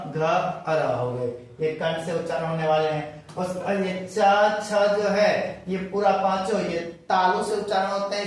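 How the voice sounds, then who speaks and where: A man teacher giving a grammar lecture, asking his students questions and then answering them himself. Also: sits high. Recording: echoey room, voice from a distance.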